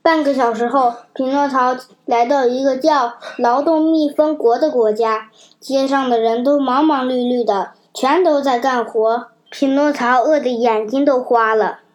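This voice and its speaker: A woman narrating a children's story in a gentle, expressive read-aloud manner. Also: high-pitched, measured pace.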